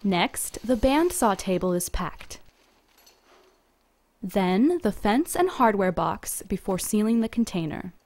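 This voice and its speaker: Woman, scripted instructional narration, even delivery, booth-recorded voice-over. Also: mid-range voice, no room sound. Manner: even, measured, step-by-step delivery. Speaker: company video narrator.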